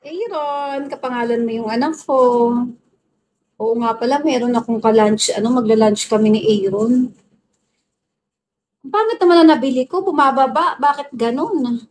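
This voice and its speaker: Woman from the Philippines, live-stream host, high bright voice, blunt and scrappy with hecklers, phone mic, faint hiss behind. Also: moderate pace, long pauses. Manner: blunt and feisty, scolds commenters, laughs often. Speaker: livestreamer. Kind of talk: casual livestream chat reading viewer comments. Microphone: phone livestream mic.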